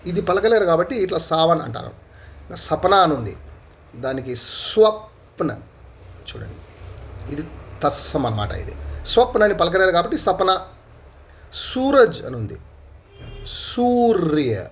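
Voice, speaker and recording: A man teaching a Hindi lesson with a Telugu accent. His voice sits a little high and swings up and down with lively energy. He explains patiently, repeating words and example sentences. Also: a little slow, pauses often, slight background noise.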